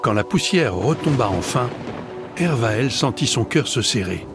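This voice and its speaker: A man's voice: mid-range voice, expressive, unhurried. Male audiobook narrator, dramatic storytelling, faint music and rain.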